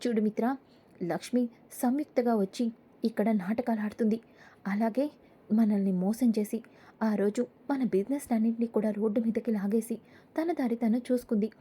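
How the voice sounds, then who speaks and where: A woman's voice: on the high side, steady tone, normal speed, warm tone, husky. A woman reading the lines of a spiteful, scheming woman while recapping a serial episode. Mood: scornful.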